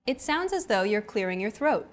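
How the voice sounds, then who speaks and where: A woman hosting a language lesson, explaining in clear, measured, scripted narration. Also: medium pitch, very animated.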